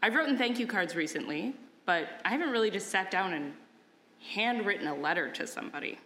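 A woman's voice: mid-range voice, expressive, fairly quick, bright, forceful tone, slight background noise. A woman giving an informal, conversational children's sermon, explaining things simply. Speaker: children's message speaker.

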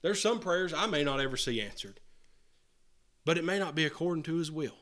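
A man preaching a sermon to a congregation. He talks earnestly, repeats and restarts phrases, and swings between loud and soft. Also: fairly high pitch, animated, fairly quick. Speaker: pastor. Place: church hall with a congregation answering.

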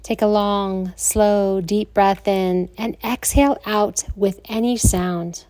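An American woman teaching yoga nidra, guiding rest slowly and soothingly like a sleep story narrator, with spacious pauses. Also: mid-range voice, steady tone, a little mellow, dry recording, rough recording. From lives in southern Colorado, United States.

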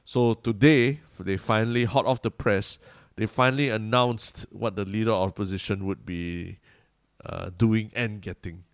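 Low-voiced Singaporean man chatting on a podcast. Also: steady tone, moderate pace, no room sound, studio quality. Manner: Singlish particles like "lah". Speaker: podcast co-host. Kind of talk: casual podcast discussion.

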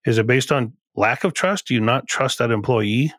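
Medium in pitch and moderate in pace, the man's slightly bright voice comes through without echo. As a CEO guesting on a podcast, he lays out his views on leadership emphatically, often circling back to repeat or restart phrases in relaxed interview talk.

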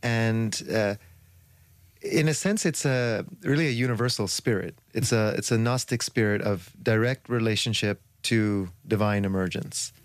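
A man's voice: lowish voice, moderate pace, dry recording. A male radio guest explaining ideas fluently and at length, with occasional fillers. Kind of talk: radio interview.

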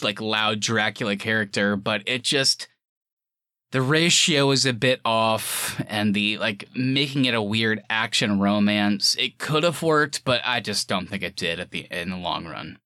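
A man's voice: fairly low pitch, bright, forceful tone, no echo, clean studio sound. A man hosting a casual film review chat, talking in an informal, enthusiastic way. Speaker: podcast host.

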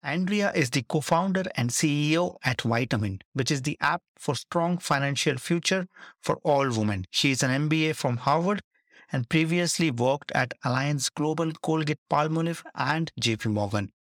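A man hosting a podcast reads an emphatic scripted intro, repeating key phrases, then interviews a guest. His voice is on the high side with lively intonation at normal speed, in clean studio quality with no room sound.

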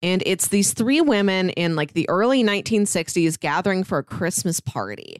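Co-hosting a casual podcast that reviews audio drama, a woman retells stories conversationally. Her voice is on the low side and sing-song at normal speed, with clean, echo-free studio sound.

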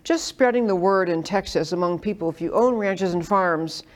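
A woman from New York with a fairly low voice, hosting an interview. She talks conversationally and at length, offering her own opinions as she sets up questions. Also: moderate pace. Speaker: interview host.

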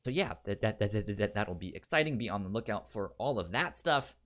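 A man co-hosting a podcast chats casually, stuttering on the starts of words and often repeating words and syllables haltingly. His voice is on the low side and a bit bright, with lively intonation.

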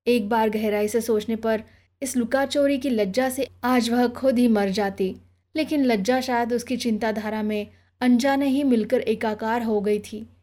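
A woman reads a novel aloud as an audiobook narrator. Her storytelling is steady and measured, and her voice sits fairly high.

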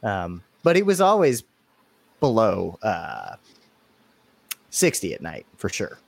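A man's voice: fairly low pitch, slow, creaky, dry recording. Casual male podcast guest, easygoing, laughing, dry close mic. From San Francisco Bay Area. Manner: laughs often, relaxed and chatty. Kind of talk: casual chat.

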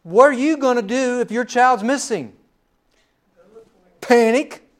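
High-voiced middle-aged man preaching. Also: moderate pace, fairly bright tone. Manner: folksy storytelling with personal asides. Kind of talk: sermon.

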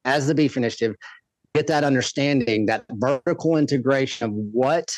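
A man's voice: medium pitch, fairly quick, no echo. A man speaking as an interview guest, making his case in an emphatic, blunt, impassioned way. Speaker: podcast guest, food activist.

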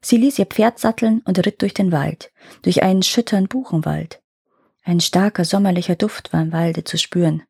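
Dark husky woman reading a fairy tale. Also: fairly low pitch, dry recording, studio quality. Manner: calm, measured narration. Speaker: storyteller.

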